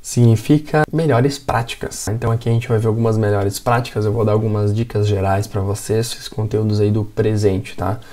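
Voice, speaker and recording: A young man teaching an English lesson, explaining patiently and checking in often with quick tag questions. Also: on the low side, steady tone, mellow. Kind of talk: online lesson.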